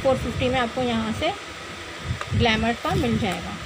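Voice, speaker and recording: A woman's voice: fairly high pitch, expressive, moderate pace. A woman filming a shopping vlog in a mall cosmetics shop, chatting to the camera and repeating prices and product details. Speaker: vlogger and channel host. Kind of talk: handheld shopping vlog chat. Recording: loud mall background noise.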